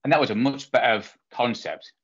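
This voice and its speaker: A man's voice: mid-range voice, moderate pace, breathy edge. A man co-hosting a podcast, talking in a rambling, chatty, amused way. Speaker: podcast co-host. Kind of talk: casual chat. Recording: dull lo-fi podcast audio.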